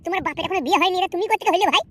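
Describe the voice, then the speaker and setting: A woman's voice: extremely high pitch, racing, a bit bright, a little hiss or hum. A woman voicing a scheming young man who poses as a matchmaker in a comic cartoon, chatty and teasing.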